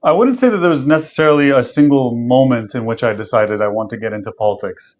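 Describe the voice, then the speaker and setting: A man's voice: medium pitch, expressive, fast talker. A man from Canada answers interview questions about his path into politics. He speaks thoughtfully and conversationally, and the audio sounds a little dull. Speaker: election candidate being interviewed.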